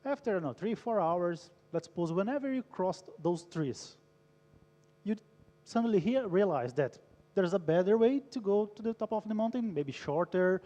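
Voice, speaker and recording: A man's voice: sits high, animated, normal speed, warm tone. A man from Brazil, giving an engaging conference talk, polling the audience and telling a story. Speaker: conference speaker. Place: large conference hall. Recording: long hall reverb.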